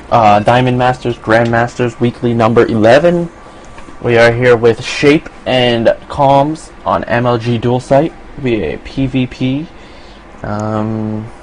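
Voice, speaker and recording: New york guy casting a game solo, easygoing, lots of ums, average pitch, bit of hiss behind. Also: poor audio. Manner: relaxed, filler-heavy, casual. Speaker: esports commentator. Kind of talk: solo play-by-play commentary.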